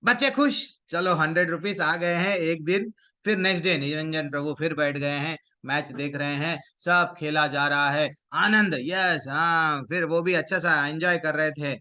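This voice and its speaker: Here is a man with a bright, forceful voice, pitched a little above most men, telling a devotional story to a gathering. He talks in an animated way, with many fillers and restarts. The sound is dull and lo-fi. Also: normal speed. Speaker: devotional storyteller addressing a congregation.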